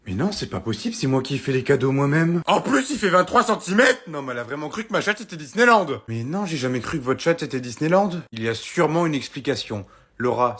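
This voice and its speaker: A man acting out several characters in comedy sketches, often shouting when outraged. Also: fairly high pitch, husky.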